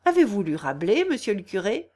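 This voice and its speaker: A woman's voice: medium pitch, sing-song, brisk, warm tone. A woman reading an audiobook, voicing a witty young libertine with a teasing, ironic manner.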